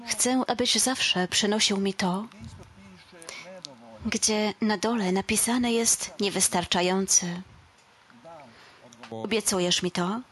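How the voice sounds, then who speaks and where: A woman voicing a kind male Jesus who speaks softly and reassuringly to a child in a told story. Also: medium pitch, steady tone, slow pace, long pauses. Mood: gentle.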